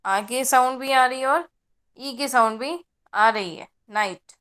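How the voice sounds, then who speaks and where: A woman's voice: sits high, measured pace, a bit bright, clear, resonant tone. A woman teacher giving an online class lecture, patiently explaining and checking in with her students.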